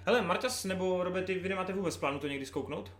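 A man co-hosting a casual podcast chat, laughing loudly and swearing casually. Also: high voice. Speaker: podcast co-host. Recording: roomy echo with faint noise.

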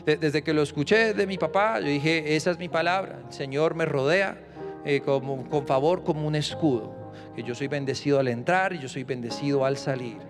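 A man preaching a sermon as pastor, rising to loud emphatic declarations and dropping to a personal storytelling tone. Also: a little high, moderate pace, over music.

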